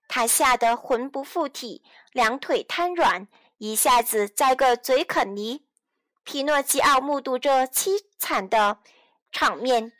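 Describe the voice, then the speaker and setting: A woman's voice: high-pitched, fairly bright tone, dry recording. A woman narrating a children's audio storybook, speaking directly to young listeners.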